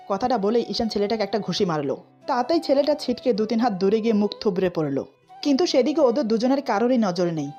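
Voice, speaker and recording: A woman with a Bengali accent reads a romantic story aloud, voicing every character herself and dipping slightly lower for the male roles. Her tone is warm, though the recording is slightly dull and has faint music behind it.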